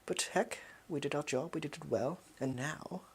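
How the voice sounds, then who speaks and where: Someone putting on a husky, fake posh English villain. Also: medium pitch. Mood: slyly persuasive. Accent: posh English, put on. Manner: fake posh voice, over-precise and evasive, halting. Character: pompous, shady posh villain recruiting for an evil league. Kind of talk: improvised villain role-play monologue.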